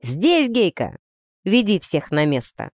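A woman's voice: on the low side, big pitch swings, slow pace, no echo, studio quality. A woman reading a storybook voicing a blunt, tough teenage boy who talks in a threatening hiss. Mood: brisk. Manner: hissing, threatening.

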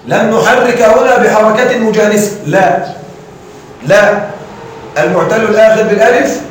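A man teaching Arabic grammar to a class, often checking that students follow and repeating examples slowly. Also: sits high, fairly even intonation, slight background noise. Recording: very echoey room, mic far off.

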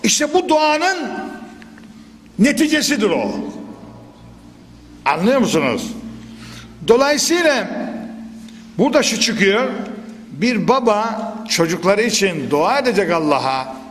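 A man preaching a Quran commentary lesson into a pulpit microphone, animated and full of sudden emphatic bursts and questions to his listeners. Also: sits high, slow, long pauses. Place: at a pulpit in a large reverberant hall. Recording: long hall reverb.

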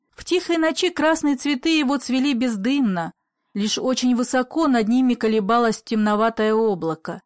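A woman reading a classic story aloud in a measured, expressive storytelling voice. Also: a little high, no room sound, studio quality. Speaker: audiobook reader. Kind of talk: literary audiobook narration.

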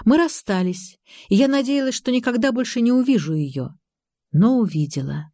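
A woman reading a novel aloud as an audiobook narrator, in calm, measured scripted narration. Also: a little high, dry recording, studio quality.

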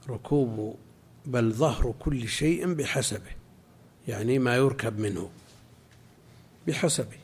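A man teaching a class as a religious scholar, explaining a legal text in a measured way and answering students' questions. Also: mid-range voice, darkish tone, slightly rough.

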